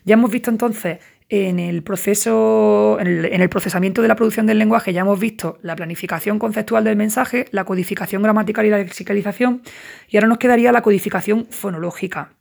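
Woman lecturing with vocal fry. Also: mid-range voice, fast talker, a little mellow. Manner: conversational, tags points with questioning asides. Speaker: university tutor. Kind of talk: casual recorded lecture.

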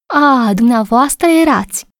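A woman's voice: high voice, animated, no room sound, clean studio sound, pitched above the performer's own voice. A woman voicing a tired, poor mother who speaks in a subdued, weary way in an audiobook story. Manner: subdued, tired and plain-spoken.

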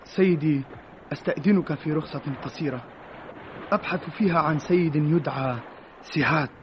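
Eager, higher-voiced radio-drama soldier man acting. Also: normal speed, noisy background, lightly acted. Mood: respectful. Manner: eager, deferential, formal. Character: earnest, anxious, respectful young male soldier.

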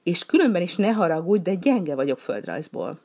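A little grumpy penguin from a children's storybook, voiced by a woman reading aloud. He grumbles bluntly and asks puzzled questions, shifting between low mutters and sharp calls. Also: very animated, husky. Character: small, grumpy young penguin.

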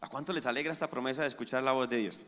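A man preaching a sermon, leading the congregation in call-and-response and moving between hushed and loud emphatic passages. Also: medium pitch, rapid-fire, long reverb tail. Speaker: pastor.

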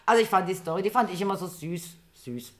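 Podcast co-host, woman, 50s, animated anecdotes with filler-heavy hesitation, echoey room. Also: fairly low pitch, fast. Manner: lively storyteller, hesitant with many fillers. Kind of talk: casual chat, telling anecdotes. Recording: roomy echo.

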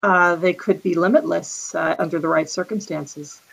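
A woman's voice: lowish voice, normal speed, vocal fry, breathy edge, low-quality recording. A woman playing a tabletop game, speaking in character in an earnest, hesitant way with many fillers. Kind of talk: in-character role-play.

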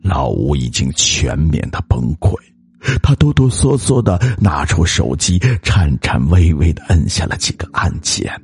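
A man narrating a ghost story in a slow, suspenseful storytelling manner. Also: rumbling low, sing-song, darkish tone, breathy edge, no echo.

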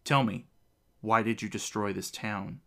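A man's voice: fairly low pitch, fairly even intonation, measured pace, bright, forceful tone. A man voicing a fierce, hot-tempered young warrior. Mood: urgent. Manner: urgent, demanding. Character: fierce young male warrior, quick to anger.

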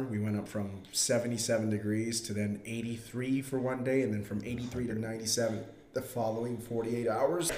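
A man's voice: mid-range voice, slight background noise. A man hosting a casual podcast, nasal and congested from a cold, with an emphatic, slangy, bro-style delivery. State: getting over a cold. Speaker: podcast host. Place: home dining room, indoors. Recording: roomy echoing indoor sound.

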